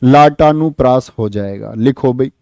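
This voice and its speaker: A man teaching an online exam-prep grammar class, lively and repetitive, quizzing his students as he goes. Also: medium pitch, a little slow, vocal fry, dry recording, studio quality. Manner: lively, repeats key words, quizzes students.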